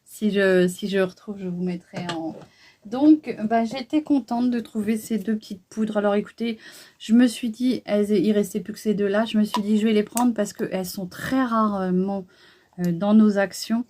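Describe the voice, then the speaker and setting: Middle-aged female vlogger, mellow tone, casual haul chatter with lots of hesitations. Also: mid-range voice, moderate pace. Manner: chatty, hesitant, many fillers. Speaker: beauty vlogger.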